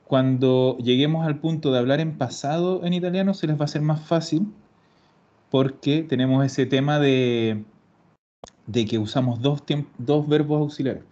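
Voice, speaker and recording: A man's voice: fairly high pitch, moderate pace, warm tone. Man teaching over dull lo-fi audio. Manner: explanatory, with frequent restarts. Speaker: Italian teacher. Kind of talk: online language class.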